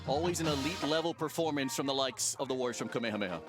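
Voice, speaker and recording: A man's voice: medium pitch, rapid-fire, over music. A man hosting a broadcast with polished live event commentary in a sportscaster style.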